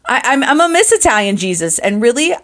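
A woman's voice: on the high side, sing-song, a little fast, a bit bright. A young woman co-hosting a casual podcast chat, talking in a chatty, playfully dramatic way and often laughing. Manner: chatty, giggly, playfully exaggerated. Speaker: podcast co-host.

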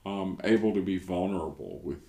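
A very low-pitched man talks through faith in an easygoing, thoughtful way. He is an American pastor who often restarts his sentences as he searches for the right words. His voice bounces around a roomy, echoing space. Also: brisk, warm tone. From United States. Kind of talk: casual devotional discussion.

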